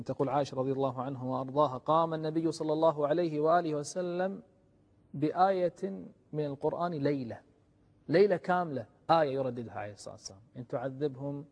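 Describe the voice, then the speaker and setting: A man preaching a religious sermon, moving between hushed asides and loud, emphatic exhortation in a husky voice. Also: mid-range voice. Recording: long hall reverb.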